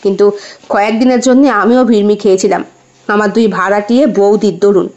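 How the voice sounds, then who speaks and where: A woman's voice: medium pitch, steady tone, fairly quick, a little mellow, dull audio, voice pushed down, natural voice. A woman voicing an adult husband in an audio story, teasing and wary, hesitant at times.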